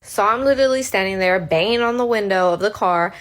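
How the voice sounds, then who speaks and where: A woman's voice: medium pitch, quick pace. A woman in her twenties recounts a personal story in a casual vlog style. She tells it in a heated, candid way, swears freely and acts out the quoted dialogue along the way. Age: 20s. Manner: candid, heated retelling with frequent profanity. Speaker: storytime creator.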